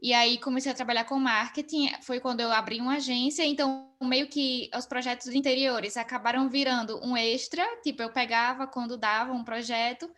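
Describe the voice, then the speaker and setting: Chatty woman, fairly high. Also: brisk, few pauses. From Northeast Brazil. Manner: relaxed, talkative, frequent fillers. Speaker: guest. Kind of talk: casual interview chat.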